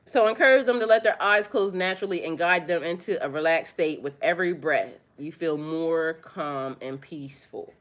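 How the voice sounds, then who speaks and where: This channel host, a mother doing spiritual readings, has a voice that sits low and moves at normal speed with few pauses. She talks straight to viewers, loud and animated, cursing bluntly, chatting freely and laughing a lot.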